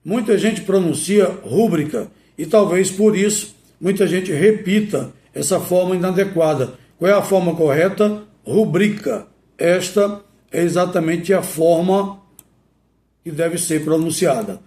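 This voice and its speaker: Slow, high-voiced male language teacher. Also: mellow, roomy sound. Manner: slow, deliberate, spells words out letter by letter. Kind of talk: didactic video lesson.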